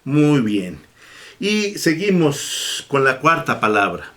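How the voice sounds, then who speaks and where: A man's voice: on the high side, very animated, slow, fairly bright tone. A man teaching a Bible Hebrew class, patiently repeating each word and stopping to bless God between points. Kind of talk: slow, patient classroom lesson.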